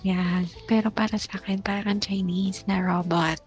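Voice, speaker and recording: A woman's voice: mid-range voice, fairly even intonation, normal speed, soft background music. A woman from Cebu with a Cebuano Filipino accent, chatting casually on a video call. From Cebu, Philippines. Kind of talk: casual chat.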